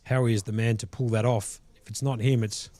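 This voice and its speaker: A man's voice: medium pitch, steady tone, brisk, mellow, dry recording. A man doing live play-by-play poker commentary in colloquial, slangy language. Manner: colloquial, slangy turns of phrase.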